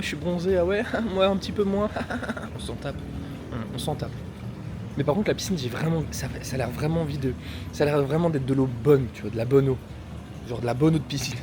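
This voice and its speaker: A man's voice: mid-range voice, noisy background. A young man chatting casually in a travel vlog, rambling and slangy, filmed on a handheld camera at a hotel. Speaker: vlogger.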